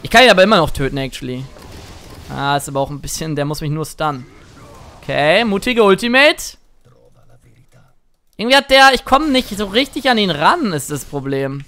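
A young man chatting excitedly through live gameplay commentary as a streamer, now and then singing or shouting at a play. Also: fairly high pitch, normal speed, pauses often. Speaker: gaming streamer.

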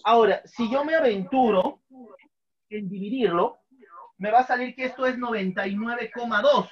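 At a moderate pace and extremely high pitch, a thirtysomething man teaches math online at a whiteboard. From a small room with lo-fi sound, he patiently repeats each step and questions his students.

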